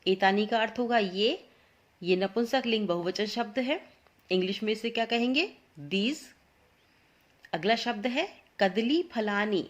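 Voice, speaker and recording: Slow, patient woman teacher. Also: mid-range voice, dull audio. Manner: patient, repeats each word slowly for students. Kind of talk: explaining a school lesson.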